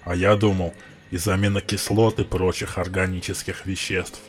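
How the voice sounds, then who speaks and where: Male reader doing a sarcastic robot dog, very deep, snide drawl, faint music behind: audiobook figure. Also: level tone, moderate pace, close to an everyday voice. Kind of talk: audiobook reading.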